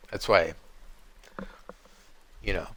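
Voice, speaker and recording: Slow, deep-voiced rambling man. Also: a bit bright. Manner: meandering, digressive, frequent throat clearing. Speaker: streamer playing a game. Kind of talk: rambling live-stream commentary.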